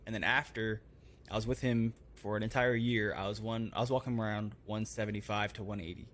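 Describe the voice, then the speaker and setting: Speaking fairly fast in a low-ish, fairly even voice with a touch of brightness, this thirty-something pro fighter keeps his podcast-guest chat casual and his phrases brief and matter-of-fact. A little hiss or hum sits under the audio.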